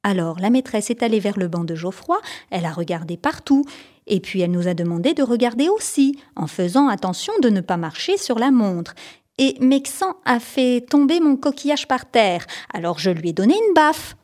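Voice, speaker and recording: A woman narrating a children's storybook, lively, raising her voice for the characters' lines. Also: on the high side, moderate pace. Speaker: audiobook reader.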